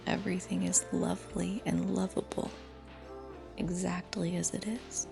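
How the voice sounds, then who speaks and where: Speaking solo as a storyteller, a woman reflects in a hesitant, intimate manner, leaving long gaps. Captured dictaphone-style on a phone, her lowish, breathy voice barely moves in pitch and tends to trail off almost to a whisper, with music behind her.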